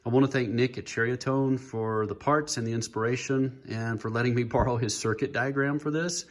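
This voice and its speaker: Speaking fairly quickly with fairly even intonation and a medium pitch, a man presents his hobby build on a handheld phone recording. It's a casual, chatty walkthrough with a light joking tone.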